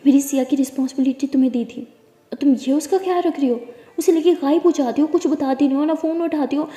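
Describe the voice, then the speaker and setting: A woman's voice: fairly high pitch, steady tone, fairly quick, dark tone, soft background music, close to an everyday voice. A woman voicing an anxious, emotional mother who upbraids her daughter, in an echoey room. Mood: worried scolding. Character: worried emotional scolding mother. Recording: echoey room with long reverb.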